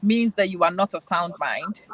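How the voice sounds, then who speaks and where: A woman's voice: fairly low pitch, animated, moderate pace, a crowd in the background, poor audio. A woman hosting a casual group book discussion, thinking aloud in a reflective, self-deprecating way. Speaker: book club host.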